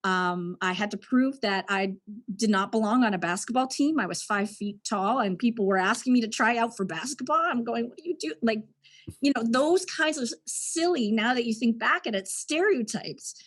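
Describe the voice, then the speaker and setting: A woman's voice: fairly high pitch, normal speed, a bit bright. A woman from Canada, a guest on a podcast who works in education, telling her own story in a frank, reflective way with an occasional laugh. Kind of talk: candid personal storytelling.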